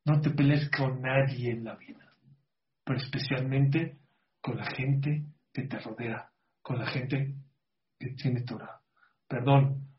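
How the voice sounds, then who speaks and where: A middle-aged man tells a moral story as a religious speaker, earnestly questioning his audience. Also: medium pitch. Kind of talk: storytelling sermon. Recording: slightly muffled lo-fi audio.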